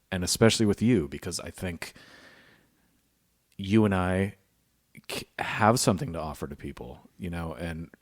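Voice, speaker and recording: This is a man with a deep, low voice talking in relaxed podcast chat, earnest and a bit rambling, with casual swearing. The sound is dry and close, with almost no room around it. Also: dry recording. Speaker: podcast co-host.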